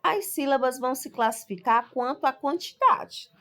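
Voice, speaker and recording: A woman teacher giving a recorded lesson for sixth graders, explaining step by step and drawing out each example word slowly, often checking in with "tá?" and "ok?". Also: sits high, animated, a bit bright. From Brazil.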